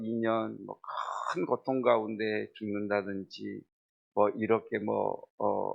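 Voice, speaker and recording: Middle-aged male pastor, crisp bright tone with some rasp, earnest preaching. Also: lowish voice, highs cut off. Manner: earnest preaching that swells louder toward the end. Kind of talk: sermon.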